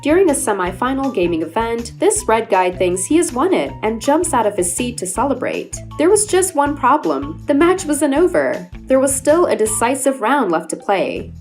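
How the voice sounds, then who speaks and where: High, lively woman narrating over music. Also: moderate pace, few pauses. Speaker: compilation narrator. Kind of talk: scripted narration. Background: background music.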